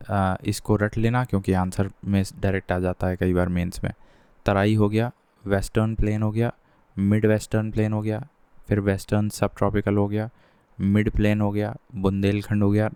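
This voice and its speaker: Low, mellow-voiced teacher. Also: male voice, clear, resonant tone, no room sound. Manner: mixes Hindi and English, talks students through quiz answers; slows down to read questions aloud, then chats quickly. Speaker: exam prep teacher. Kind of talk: casual exam-prep lesson.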